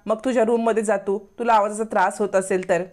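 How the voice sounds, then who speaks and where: A woman's voice: medium pitch, fairly even intonation, quick pace, a little mellow, close to an everyday voice. A woman voicing a curious, chatty mother of the house who asks questions and soothes.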